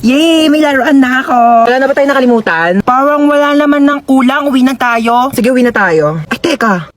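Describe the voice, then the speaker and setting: A woman's voice: sits high, a little hiss or hum. Woman playing every part in comic skits. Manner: quick switches between characters, bursts of shrieks and laughter. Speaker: comedy skit performer. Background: music.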